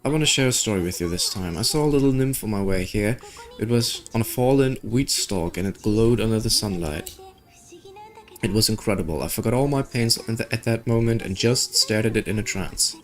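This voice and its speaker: A gaming streamer with a fairly low-pitched voice reads story dialogue aloud, animated and brisk, and comments casually with offhand, skeptical asides. Game music plays in the background.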